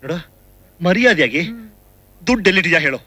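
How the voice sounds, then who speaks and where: An actor playing an exasperated man who scolds and questions a bumbling helper in an expressive way, in a film comedy scene. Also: fairly high pitch, fast talker. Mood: angry. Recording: film soundtrack with faint music.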